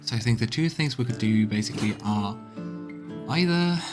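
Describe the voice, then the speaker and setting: Game music runs beneath this casual let's play, where a man thinks aloud and muses as he streams a fantasy role-playing video game. He speaks at a moderate pace in an animated, medium-pitched voice.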